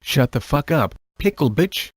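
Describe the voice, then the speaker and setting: Man voicing a barking old granddad, gruff and bullying, dry close sound. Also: fairly high pitch, sing-song, measured pace, dry recording, heavily acted. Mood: yelling.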